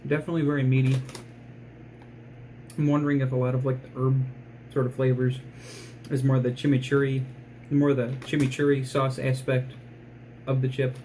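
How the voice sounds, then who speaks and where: A man giving a casual food review in a low-key, rambling, dryly joking way. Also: monotone, normal speed, mellow, slight background noise. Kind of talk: casual product review vlog.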